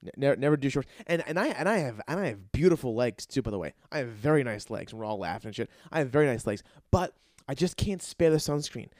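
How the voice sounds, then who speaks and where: A young man telling a story in a casual, excitable, profane way, acting out quotes in different voices. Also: mid-range voice, quick pace, dry recording, studio quality. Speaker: golf caddy telling a story.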